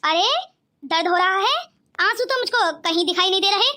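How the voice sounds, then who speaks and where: Lady voicing a bossy cartoon mother-in-law, very high squeaky voice, bright and scolding. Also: animated, full character voice. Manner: scolding, quick to laugh. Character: sharp-tongued middle-aged mother-in-law. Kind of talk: cartoon voice acting.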